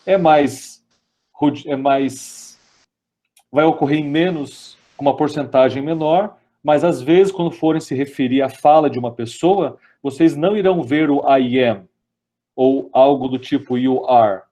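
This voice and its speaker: A man with a Brazilian Portuguese accent giving a webinar grammar lesson, explaining step by step and reading out English examples slowly. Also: medium pitch, warm tone. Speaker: lecturer.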